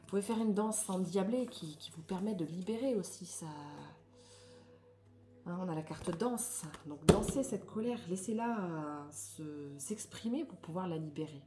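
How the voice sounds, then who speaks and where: A woman reads oracle cards aloud in a soft, reflective way, adding her own comments and often trailing off. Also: lowish voice, normal speed, noisy background. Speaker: spiritual card reader.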